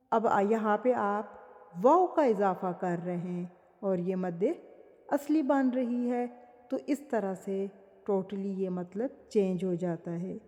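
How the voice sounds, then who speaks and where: Mellow woman teaching with long reverb. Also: mid-range voice. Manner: slow, careful, drawing out example words. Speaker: tajweed teacher. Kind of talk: explaining Quran recitation rules.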